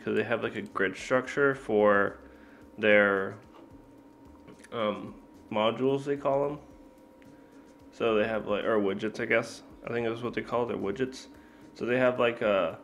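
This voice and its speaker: A man walks through a coding tutorial in an easygoing, unhurried way, often pausing on fillers and correcting himself mid-sentence. His voice sits fairly low, and faint keyboard typing can be heard behind him. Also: fairly bright tone, a little hiss or hum. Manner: laid-back, filler-heavy, thinking aloud with self-corrections. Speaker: programming tutor. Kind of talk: casual screen-recorded coding tutorial.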